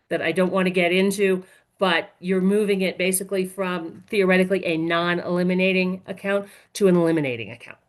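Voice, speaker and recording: A woman whose voice sits on the low side hosts a relaxed webinar as a software trainer. She explains in fragments, building up each point and correcting herself as she speaks.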